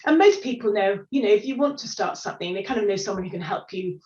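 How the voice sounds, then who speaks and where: A woman's voice: medium pitch, expressive, fast, a little mellow. A woman in her sixties, a guest speaking in a chatty, encouraging way with lots of "sort of" and "you know". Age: 60s. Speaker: guest, unretirement expert. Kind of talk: casual interview chat. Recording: roomy, distant, dull-sounding audio.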